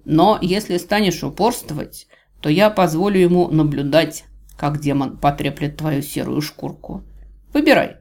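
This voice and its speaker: A cruel villain god drawls his threats with slow, silky menace, as a woman reading a storybook puts him on. The voice sits low and a little louder than the narration, calm and mocking. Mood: menacing. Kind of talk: audiobook character voice.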